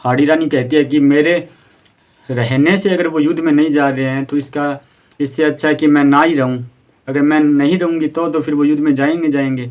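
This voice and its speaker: Man retelling history with flat delivery. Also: on the high side, a little fast, muffled recording. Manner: conversational retelling with rhetorical questions; fillers and restarts. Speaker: history teacher. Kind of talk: storytelling history lesson.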